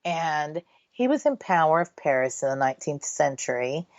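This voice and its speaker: A woman's voice: low voice, big pitch swings, moderate pace, dry recording. A woman hosting a radio show, telling stories informally and checking in with listeners. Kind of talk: informal paranormal radio storytelling. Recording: dull, lo-fi radio audio.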